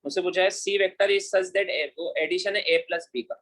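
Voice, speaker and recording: This physics teacher's voice sits high and is fairly bright, with a steady tone and measured pace. Lecturing a class, he blends in English terms and often pauses to ask "understood?" so he knows the students are with him.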